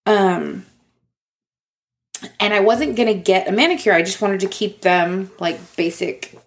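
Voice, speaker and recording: A woman's voice: mid-range voice, unhurried. A young woman co-hosting a talk show, telling a personal story in casual chat, laughing often and filling with likes and ums. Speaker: podcast co-host.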